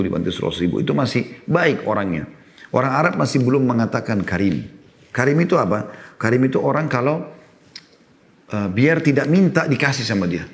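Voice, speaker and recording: A middle-aged man giving a sermon as an Islamic preacher, telling stories with shifting emphasis. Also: mid-range voice. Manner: storytelling, varied emphasis, rising for key points.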